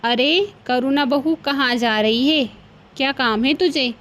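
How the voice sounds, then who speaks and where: A woman voicing a cunning older mother-in-law in a cartoon story, who coaxes with flattery. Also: sits high, measured pace. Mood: coaxing. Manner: coaxing, heaps on flattery. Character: scheming sweet-talking old mother-in-law.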